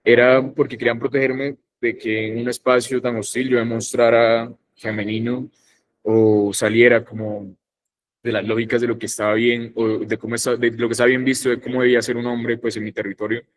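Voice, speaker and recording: A young man from northern Colombia, speaking with a Colombian Spanish accent, reflects haltingly on a discussion panel, pausing and restarting often. His voice is mid-range and level in tone.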